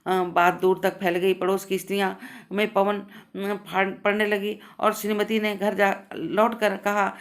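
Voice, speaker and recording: A woman teacher reading a Hindi short story aloud for students, in a measured storytelling voice with small restarts. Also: mid-range voice, little pitch movement.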